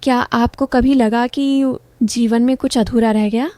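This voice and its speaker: A woman voicing a young man, a charming son-in-law, in a gentle, coaxing manner, reading a spoken story. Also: fairly high pitch, fairly even intonation, measured pace, no echo, close to an everyday voice.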